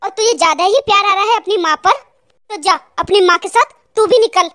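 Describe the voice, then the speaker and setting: A bossy angry cartoon husband. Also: male voice, very high-pitched, moderate pace. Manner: harsh, domineering, shouting orders. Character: angry young husband throwing out his mother-in-law. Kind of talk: animated cartoon drama dub.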